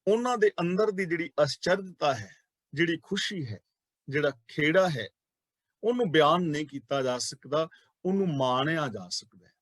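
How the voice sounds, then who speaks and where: A man's voice: a little high, no room sound. Man teaching scripture in a dry voice. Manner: explanatory, dwells slowly on sacred phrases; addresses listeners directly, repeats key words. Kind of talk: religious class lecture.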